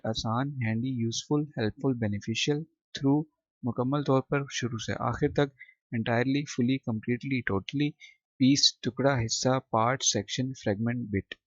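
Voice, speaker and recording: A man's voice: mid-range voice, no room sound. Male tutor, patient word-by-word explainer; dry, muffled voice-over. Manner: explains word by word, slow and deliberate when reading English lines. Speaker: English teacher. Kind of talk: screen-recorded textbook lesson. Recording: dull, dry close recording.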